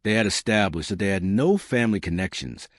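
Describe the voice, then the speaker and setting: Deep-voiced male story narrator. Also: animated, dry recording, clean studio sound. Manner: measured storytelling. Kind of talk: scripted narration.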